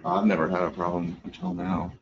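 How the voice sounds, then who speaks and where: A man's voice: a little fast, muffled recording, background noise. A man giving an online weather briefing in a hesitant way with many ums, his audio cutting out in glitchy dropouts. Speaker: weather forecaster.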